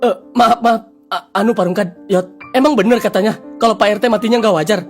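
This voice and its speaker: A woman's voice: mid-range voice, fast, a little mellow, natural voice. A woman voicing a timid, polite young village man who talks nervously and apologizes, in a school cartoon. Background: background music.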